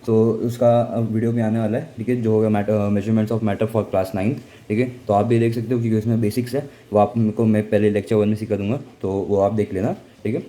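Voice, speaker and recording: A young man teaching a school science class online, mixing Hindi and English, saying "ठीक है" again and again, reading English notes slowly and explaining fast in Hindi. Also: lowish voice, level tone, warm tone.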